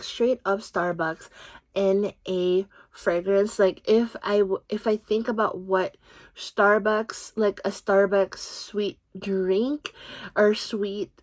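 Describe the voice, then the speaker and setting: A woman's voice: mid-range voice, darkish tone, dry recording. A woman with a Filipino accent, gushing in a chatty way through a casual fragrance review as a vlogger. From Philippines. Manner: chatty, gushing, frequent "like" fillers. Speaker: beauty vlogger.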